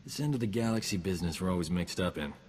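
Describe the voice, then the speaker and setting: A man's voice: deep voice, rapid-fire, in a large hall, background noise, close to an everyday voice. An actor playing a boastful, roguish male doctor in a video game, talking in a cocky, flippant, self-important way. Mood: wry. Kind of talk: video game character dialogue.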